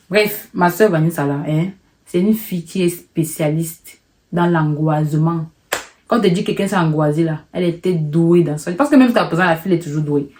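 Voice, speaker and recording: A young woman with a slightly low voice tells a personal story in a casual storytime vlog. She talks in an animated, emotional way and repeats words to build tension.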